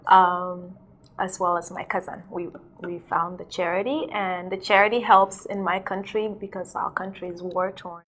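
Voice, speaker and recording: A woman's voice: fairly low pitch, fairly bright tone. Chatty young woman from South Sudan. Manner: chatty, laughs often, many "like"s and fillers. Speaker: DJ and model being interviewed. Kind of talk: casual interview storytelling.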